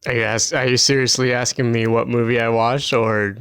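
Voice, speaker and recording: A man's voice: mid-range voice, steady tone, a little fast, a bit bright, clear, resonant tone. A man co-hosting a podcast, chatting casually in a dry, blunt, teasing way. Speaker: podcast co-host. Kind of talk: casual chat.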